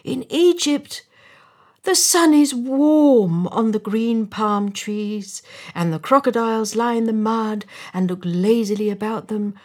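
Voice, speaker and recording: A woman's voice: mid-range voice, a little mellow, slightly rough, voice pushed up. A woman voicing a small, kind-hearted male swallow from a storybook, devoted and earnest, with emphatic delivery. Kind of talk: storybook character voice.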